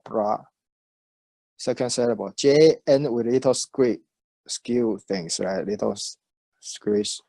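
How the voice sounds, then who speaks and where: A man teaching a dharma lesson, explaining terms patiently with fillers and chanting titles slowly. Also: mid-range voice, darkish tone, breathy edge, dry recording, low-quality recording. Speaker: meditation teacher.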